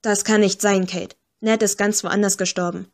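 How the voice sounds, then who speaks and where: A woman's voice: medium pitch, fairly even intonation, normal speed, natural voice. A woman voicing an irritable young male ghost agent in an audiobook.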